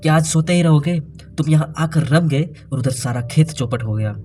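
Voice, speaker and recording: A man's voice: fairly high pitch, normal speed, over music, pitched above the performer's own voice, close to an everyday voice. A man voicing a worried, scolding farmer's wife in a storybook reading.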